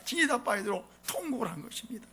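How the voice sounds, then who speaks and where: A man preaching a sermon as pastor, animated and often asking the congregation questions. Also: extremely high pitch, fast talker, vocal fry, husky. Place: church sanctuary.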